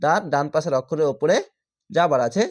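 A man teaching Quran reading who spells each word out slowly, syllable by syllable, then chants the whole word, and explains the rules patiently. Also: on the high side. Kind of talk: spelling-out Quran recitation lesson.

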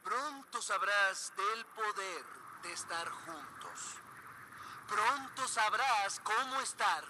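Creepy fervent cult preacher in a game, high voice, swoops around a lot, noisy background. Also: male voice, lively intonation. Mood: coaxing, menacing. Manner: slow, incantatory, swinging from hushed to insistent. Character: fervent male cult preacher, menacing and coaxing. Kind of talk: video game voice acting. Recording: clear background ambience noise.

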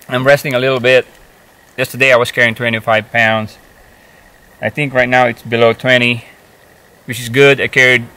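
A hiking vlogger in his fifties sits on a rock in a forest and talks casually to the camera, hesitating often with fillers and false starts. His mid-range voice is bright and forceful, and the recording is rough.

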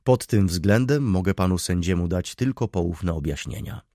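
A man's voice: deep voice, moderate pace, mellow, no echo, studio quality. A man voicing a cheeky young male student who speaks with suave, mock courtesy. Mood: mock-polite.

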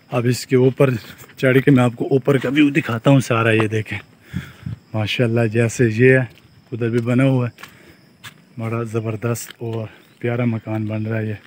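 A young vlogger from Pakistan, his Urdu marked by a Saraiki-region accent, gives an enthusiastic outdoor tour of a farm and building site, filming himself on a phone camera held at arm's length and repeating phrases like "look at this." His mid-range, slightly mellow voice has fairly even intonation and an unhurried pace with long pauses. Some hiss or hum sits in the background.

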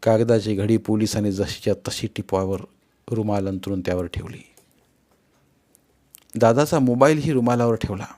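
A man's voice: on the low side, moderate pace, pauses often. Man reading a grave novel aloud. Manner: expressive, grave storytelling. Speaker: audiobook narrator. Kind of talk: dramatic first-person novel reading.

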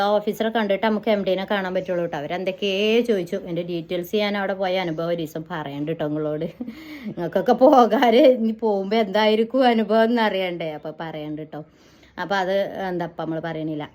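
A woman's voice: fairly low pitch, darkish tone. A middle-aged woman, telling a family story to her viewers in a chatty, rambling way. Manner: chatty, rambling, often ends with "kettō". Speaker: family vlogger.

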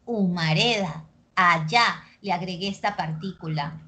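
Peruvian woman teaching a lively class. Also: medium pitch. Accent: Peruvian Spanish. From Peru. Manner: lively, keeps checking understanding with quick tag questions. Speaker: pre-university language teacher. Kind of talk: recorded class lecture.

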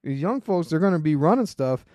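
A man's voice: on the high side, animated, a little fast, mellow, dry recording, studio quality. A man hosting his own podcast, talking in a casual, rambling way with wry, sarcastic asides. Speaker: podcast host. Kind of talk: casual solo commentary.

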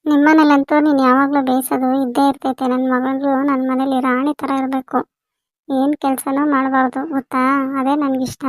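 A woman's voice: high voice, level tone, brisk, dry recording, natural voice. A woman playing a doting village mother who fusses over her daughter in a family skit. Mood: fussing. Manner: fussy, insistent.

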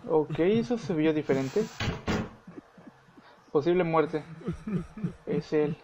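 Let's play host, male, high voice, jumpy and profane when scared. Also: expressive, slow, highs cut off, background noise. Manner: swears and yelps when startled. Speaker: gameplay commentator. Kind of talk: let's play commentary, reading game text aloud.

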